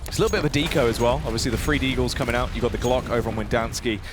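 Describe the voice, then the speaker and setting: A man doing excitable play-by-play as an esports caster, with dramatic, punchy phrasing full of fighting slang. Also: medium pitch, rapid-fire, background noise. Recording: gunfire and clicks over the voice. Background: video game gunfire and clicks.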